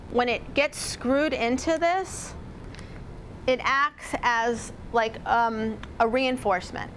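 Woman, forties, fairly high voice, casual chatty demo, lapel mic, small audience, faint room hum. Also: a bit bright. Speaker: home repair demonstrator. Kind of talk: live workshop demonstration.

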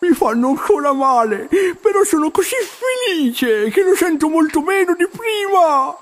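A young male beaver from a children's storybook, cheerful by nature but plagued by toothache. His voice is squeaky and strained and swoops up and down, and it rings with a long reverb as if in a hall. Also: big pitch swings, slow, full character voice. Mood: overjoyed. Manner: wailing, high and strained.

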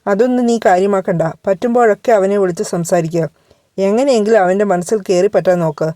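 A woman voicing a scheming middle-aged mother who talks in a sly, scornful way, with a mellow voice. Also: mid-range voice, fast talker, dry recording, studio quality, lightly acted.

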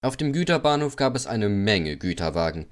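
Lively male storybook narrator. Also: fairly low pitch, moderate pace. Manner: lively, expressive reading. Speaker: audiobook narrator.

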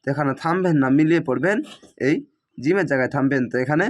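Male Quran teacher with a Bangladeshi Bengali accent and a raised pitch, who spells out each word and repeats it patiently. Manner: breaks words into syllables, repeats them slowly. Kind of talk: spelling-out Quran recitation lesson.

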